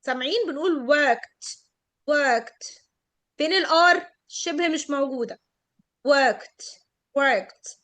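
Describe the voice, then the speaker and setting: A middle-aged woman with an Egyptian Arabic accent teaching English pronunciation in an online class, stretching out model words slowly. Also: high-pitched, sharp tone, no room sound.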